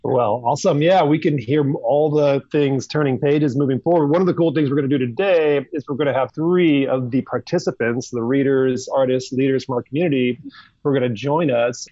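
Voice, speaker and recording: A man's voice: mid-range voice, brisk, dark tone, dry recording. A man hosting a casual chat on a video call, rambling through many fillers and restarts. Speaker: host. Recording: dry, dull video-call audio.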